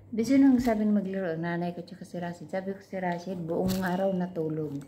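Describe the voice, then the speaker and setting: A woman's voice: on the low side, fast, dark tone, slight background noise. A woman vlogger in a casual chat, animatedly telling a story and acting out how she scolded a child.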